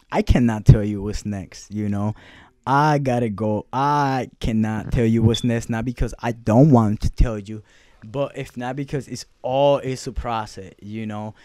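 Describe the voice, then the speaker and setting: A man's voice: fairly low pitch, warm tone, dry recording. Man, loose profane talk. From Puerto Rico. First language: Spanish. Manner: loose, profane street talk with many fillers. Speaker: clothing brand founder. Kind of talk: casual interview answers.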